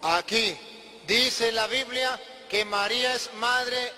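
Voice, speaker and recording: Emphatic high-voiced male preacher. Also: slow pace, sharp tone, slight background noise. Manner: emphatic, asks questions and answers them himself. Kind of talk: sermon. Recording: long hall reverb.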